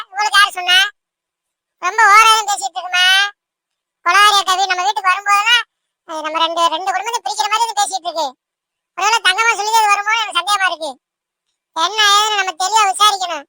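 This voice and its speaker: Siva, an earnest young cartoon son. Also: female voice, extremely high pitch, sharp tone, dry recording, full character voice. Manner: earnest, reasoning.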